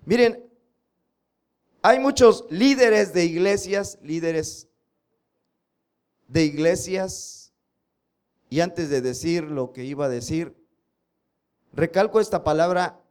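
Man preaching with slow emphatic recitation. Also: on the high side, darkish tone, smooth. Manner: slow emphatic recitation of scripture, drilling the audience; rhetorical questions to listeners. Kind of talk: sermon with congregation recitation.

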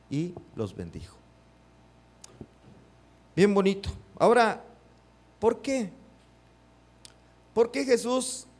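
In a church, a middle-aged pastor with a slightly high voice delivers an animated sermon, acting out quotes and putting rhetorical questions to the congregation.

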